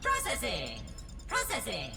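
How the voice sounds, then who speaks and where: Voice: mid-range voice, wildly swooping pitch, measured pace, gravelly, loud music behind the voice, exaggerated voice. A performer voicing a chipper, helpful robot lab assistant in a video game, speaking through a robotic computer voice filter and announcing its processing and errors like a machine. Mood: chirpy. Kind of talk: video game character dialogue.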